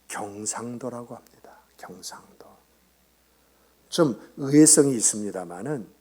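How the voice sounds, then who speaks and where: A man's voice: lowish voice, a little mellow, husky. A male pastor giving a Sunday sermon in a church, talking conversationally, quizzing the congregation and dropping into whispered asides. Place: church sanctuary.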